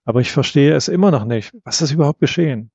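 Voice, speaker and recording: A man's voice: fairly high pitch, animated, fast, creaky, a little mellow, slightly rough, dry recording, exaggerated voice. A man reading an audiobook, voicing a blunt, matter-of-fact male detective. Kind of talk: audiobook character voice. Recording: dull, slightly lo-fi.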